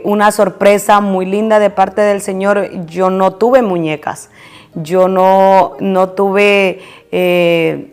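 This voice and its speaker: A woman's voice: mid-range voice, a little mellow, clean tone. A woman pastor telling a personal testimony, acting out past conversations as she tells it.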